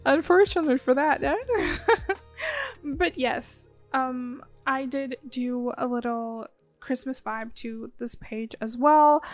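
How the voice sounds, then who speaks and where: A woman with a slightly groggy voice, chatting casually and rambling with giggles as she narrates her journaling. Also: fairly high pitch. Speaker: bullet journal creator. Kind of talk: casual voice-over while drawing. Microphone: phone.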